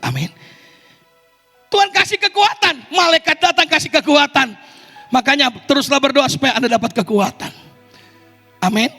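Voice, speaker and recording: A man's voice: very high voice, animated, moderate pace, long pauses, sharp tone. A male pastor preaching a sermon in a church, emphatic and calling out to the congregation. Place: church service hall. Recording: echoey church hall with faint music.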